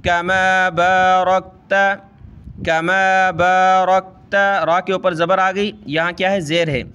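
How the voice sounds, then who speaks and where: A man teaching Quran recitation step by step, quickly explaining letter sounds and then reciting each phrase slowly and drawn out. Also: sits high, flat delivery, sharp tone, smooth.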